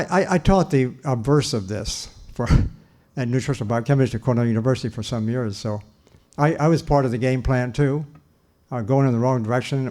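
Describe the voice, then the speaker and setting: A man's voice: medium pitch, darkish tone. An older man giving a public lecture in a church, earnest and emphatic, repeating his key points and restarting sentences. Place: church hall.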